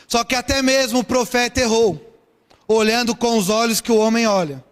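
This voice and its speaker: High-voiced preacher in a reverberant hall. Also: male voice, moderate pace, clean tone. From São Paulo, Brazil. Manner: lively storytelling preaching with rhetorical questions. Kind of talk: sermon.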